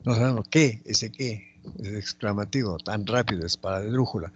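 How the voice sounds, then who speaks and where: A man teaching a spelling lesson, slowly and methodically going through each word and repeating it aloud. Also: fairly low pitch, muffled recording, a little hiss or hum. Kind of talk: spelling lesson, explaining accent marks.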